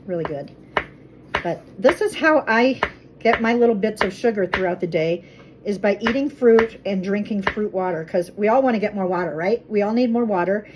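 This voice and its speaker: Woman vlogger, chatty and friendly, mid-pitched, cooking-show patter over clear background noise. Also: moderate pace. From Colorado. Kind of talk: casual kitchen vlog. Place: home kitchen.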